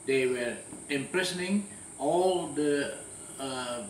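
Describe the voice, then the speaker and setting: Slow and on the high side, this octogenarian from Indonesia shares conversational wartime recollections in an interview, often going back and repeating words. Faint hum, roomy echo and a far-off mic color the audio.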